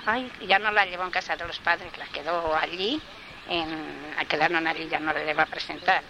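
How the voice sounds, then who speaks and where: A woman's voice: deep voice, fairly even intonation, moderate pace. An older woman telling a folktale in a rambling, repetitive way with many fillers, on a noisy field recording. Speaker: folk storyteller.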